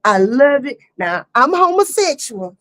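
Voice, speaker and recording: A middle-aged woman hosting a casual online talk show, lively and laughing, with easy "y'all" talk. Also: high-pitched, a little slow. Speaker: host. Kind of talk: casual chat. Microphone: streaming setup.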